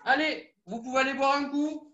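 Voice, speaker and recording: A woman leading a children's judo class, coaxing and repeating each instruction in a lively way. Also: high-pitched, normal speed, lo-fi sound. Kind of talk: live online kids' class, story-led exercises. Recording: echoey room, far from the mic.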